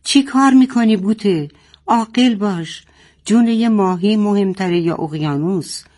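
A stern, gruff father from a storybook shouts his orders in a raised, strained voice, as a man reads him. He sounds higher and louder than a plain reading voice. His delivery is urgent and commanding. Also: lively intonation. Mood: urgent shouting.

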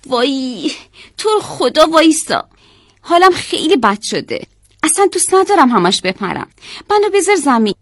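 Name: lizard. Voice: woman doing a whiny small lizard, high and lively. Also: dry recording, clean studio sound. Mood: pleading. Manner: whiny, pleading cries. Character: small green lizard, unhappy with itself.

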